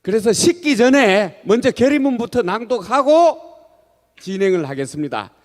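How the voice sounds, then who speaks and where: High-voiced man hosting a rally. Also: big pitch swings, moderate pace. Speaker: master of ceremonies at a rally. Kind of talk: formal event announcing. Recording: echoey hall PA with long reverb.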